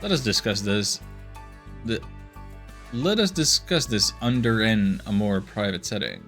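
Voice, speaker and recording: A man voicing a smooth, flattering male city mayor with a genteel, theatrical manner. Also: on the low side, unhurried, faint music behind, heavily acted. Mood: charming.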